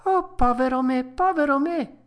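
A woman's voice: high voice, expressive, unhurried, voice pushed up. A woman voicing a young wooden puppet boy who whines and pleads, frightened and impulsive. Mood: distressed. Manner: whiny, pleading, loud.

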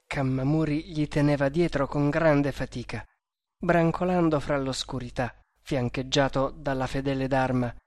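A man reading an adventure novel aloud as audiobook narrator, in a measured, dramatic manner. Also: mid-range voice, fairly even intonation, a little mellow, no room sound, clean studio sound.

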